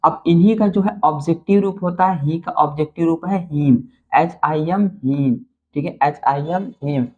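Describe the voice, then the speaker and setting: A man with a Hindi accent and Hindi as his first language, teaching beginners English phonics, spelling letters out slowly and repeating each answer. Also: a little high, narrow, tinny audio.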